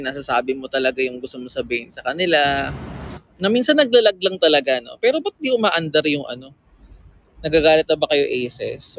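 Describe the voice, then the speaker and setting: Gravelly guy chatting on a phone livestream, bit high, throat a little sore, teasing fans. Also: fairly bright tone, no echo, poor audio. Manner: chatty, teasing, reads fan comments aloud. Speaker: livestream host. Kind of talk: casual livestream chat with fans.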